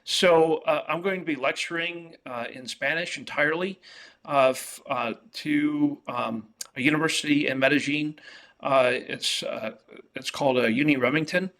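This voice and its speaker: Teaching economics online through a video call, this New York man speaks with a local accent though Italian is his first language. His fairly bright voice leans high, and he lectures haltingly, filling gaps with fillers and restarting often.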